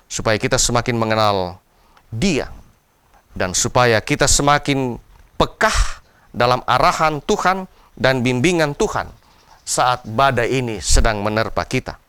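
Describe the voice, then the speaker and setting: A man's voice: medium pitch, a bit bright, clear, resonant tone, dry recording. A man preaching a devotional sermon in an earnest way, with an Indonesian accent, raising his voice when he cries out to God. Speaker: pastor.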